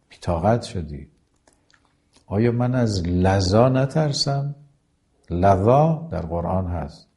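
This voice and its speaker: A man preaching a religious lecture in a low, mellow voice. He recites old Arabic quotations at a slow, deliberate pace and then explains them in plain conversational speech. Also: creaky.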